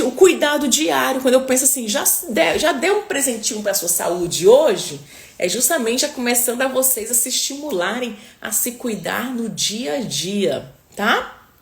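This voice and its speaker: A woman's voice: on the high side, lively intonation, normal speed. A nutritionist woman chatting on a live stream, answering viewers and often tagging sentences with "tá?" and "né?", with religious blessings mixed in. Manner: chatty, peppers speech with "tá?" and "né?". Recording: roomy, echoey room.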